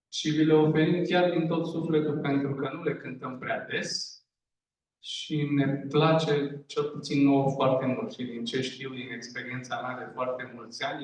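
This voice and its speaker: Musician talking from a distant stage. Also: male voice, medium pitch. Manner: warm, earnest, with hesitations. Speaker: band musician introducing songs. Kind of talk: informal stage talk to an audience. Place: large echoey hall. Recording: echoey hall from far off.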